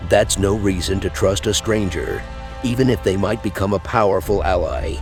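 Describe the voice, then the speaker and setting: In a fantasy game roleplay, a man voices a cold, haughty, distrustful elven supremacist mage who is vengeful and hates the Empire. He speaks deliberately and low, sounding wary, as a player character delivering scripted narration and dialogue over background music.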